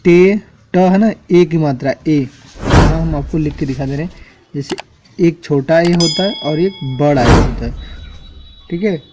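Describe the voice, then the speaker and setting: A man's voice: fairly high pitch, a little slow, very noisy. A man teaching an English spelling lesson at a board, spelling words out letter by letter and checking in with the class often.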